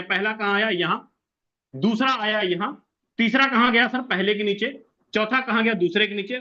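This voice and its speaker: A man's voice: sits high, bright, forceful tone, lo-fi sound. A man presenting a plan, walking through a diagram step by step, repeating points and asking and answering his own questions. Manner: repetitive, asks and answers own questions, says "sir". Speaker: presenter explaining an income plan. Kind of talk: explanatory walkthrough of a diagram.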